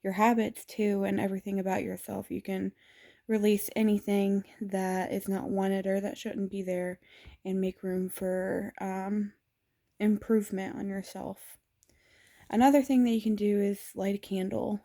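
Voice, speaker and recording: A woman vlogger giving a casual spoken explainer, hesitant and pausing often with fillers. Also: mid-range voice, little pitch movement, creaky, dark tone. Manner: hesitant, frequent filler pauses.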